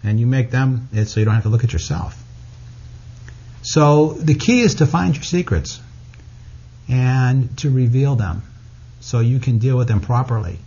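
A man's voice: mid-range voice, normal speed, pauses often, dark tone, breathy edge, muffled recording. A man being interviewed as an author, speaking frankly and bluntly, cursing freely. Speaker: guest author. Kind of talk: candid interview talk.

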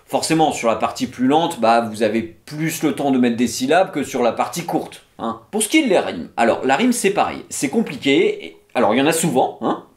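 A man's voice: medium pitch, brisk, few pauses. A man with a French accent giving a casual, chatty talk about poetry, full of little fillers. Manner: chatty, lively, many "bah" and "hein" fillers. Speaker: literature video host.

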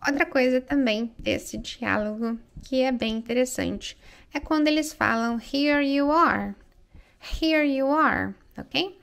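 A Brazilian woman teaching English through Portuguese, moving slowly and carefully and pausing to ask "né?" and "ok?". Her voice sits a little high and has a gravelly edge. She reads the English lines out slowly and clearly. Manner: slow, careful delivery with frequent check-ins like "né?" and "ok?". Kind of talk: explaining English phrases in Portuguese.

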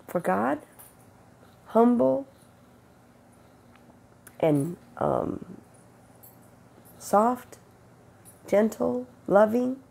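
On the high side and mellow, this middle-aged woman's voice is rough and sniffly from a cold. As a faith vlogger she offers an unhurried, earnest spiritual testimony, quoting God in conversation. She's filmed in webcam close-up in her bedroom beside a bright window, using a wired earbud mic.

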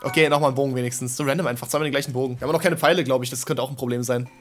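A young man streaming a video game, commentating his play in an excitable, slangy way and talking to himself. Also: medium pitch, racing. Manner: excitable, slangy, talks to himself while playing. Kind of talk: live gameplay commentary. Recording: game music behind the voice.

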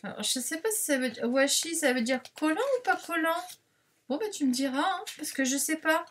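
A woman chatting to her viewers while unboxing craft supplies, rambling, excitable and quick to apologize. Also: high voice, slight background noise. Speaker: craft vlogger unboxing a parcel. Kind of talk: casual unboxing chat to viewers.

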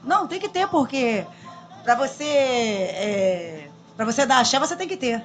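A woman, talking in a lively, chatty way as a guest in a small radio studio. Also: a little high, a little slow. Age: 40s. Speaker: samba school drum queen guest. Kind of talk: casual radio interview. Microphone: studio boom mic.

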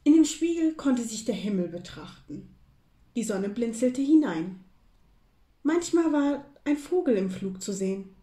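A woman reading a children's storybook aloud, with gentle, clear storytelling. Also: on the high side, lively intonation, unhurried. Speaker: reader of a children's book.

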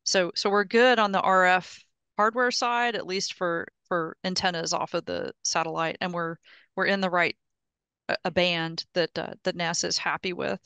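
Speaking at a fairly low pitch with a steady tone and moderate pace, a middle-aged woman gives a casual technical update on a video call from her home office. Using a headset mic, the meetup presenter explains things step by step and often restarts; her voice is smooth and a bit bright, with no echo.

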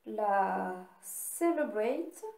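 A woman's voice: mid-range voice, animated, extremely slow, gravelly, a little mellow. A woman casually showing and swatching eyeshadow palettes she bought, chatty with little apologetic asides. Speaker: beauty vlogger. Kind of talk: casual makeup haul with swatches. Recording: echoey room.

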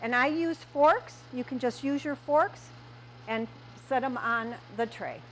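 High-voiced woman demonstrating candy making. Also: a little slow, slight background noise, rough recording. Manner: plain step-by-step, frequent "um" fillers. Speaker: candy shop owner. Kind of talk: cooking demonstration. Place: small candy kitchen, indoors.

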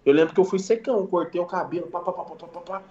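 A man's voice: high-pitched, quick pace, reverberant, lo-fi sound. A man, a guest barber, telling stories in slangy casual chat. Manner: relaxed slangy storytelling, sound-effect words. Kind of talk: casual storytelling in a podcast chat.

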